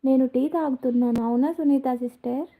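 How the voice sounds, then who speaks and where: Woman doing a live stream, high voice with a lot of fry, just chatting w/ viewers by name. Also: steady tone, a little fast, warm tone. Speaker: live-stream host reading viewer comments. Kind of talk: casual live chat.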